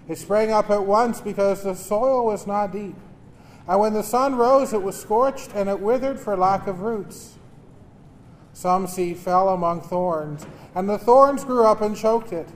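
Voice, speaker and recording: A priest proclaiming the gospel and preaching a homily in a large church with a long cathedral-like echo, earnest with homely jokes. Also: male voice, high voice, slight background noise. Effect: long cathedral-like reverb. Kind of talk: Mass gospel reading and homily. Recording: echoey church hall.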